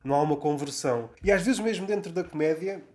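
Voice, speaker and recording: A man's voice: a little high, quick pace, a little mellow. A man in casual conversation, thinking aloud in colloquial language. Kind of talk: casual chat.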